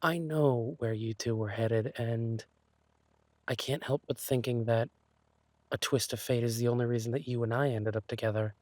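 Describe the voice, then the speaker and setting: A man playing an insecure, lovesick thief boyfriend in a romantic audio role-play, speaking haltingly and tenderly. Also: medium pitch, steady tone, darkish tone, dry recording, natural voice. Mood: troubled, tender. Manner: hesitant, halting, sighing delivery.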